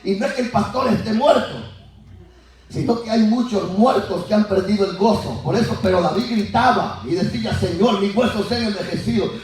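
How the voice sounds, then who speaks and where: A pastor preaching an animated Pentecostal sermon to his congregation, acting out biblical voices and building to shouts. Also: high voice, moderate pace. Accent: Latin American Spanish. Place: church sanctuary. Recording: echoey church heard from far off. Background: congregation answering.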